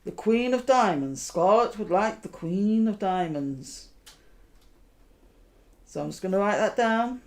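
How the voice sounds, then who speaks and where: A woman magician giving card trick patter, deliberately talking her audience through each step and checking in with questions. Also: medium pitch, lively intonation, darkish tone. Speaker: magician, host.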